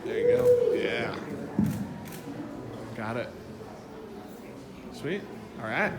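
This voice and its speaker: Brief: male event photographer, slow, very lively pitch, echoey room full of crowd noise. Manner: cheery, short interjections. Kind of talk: counting off photos. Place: art gallery event.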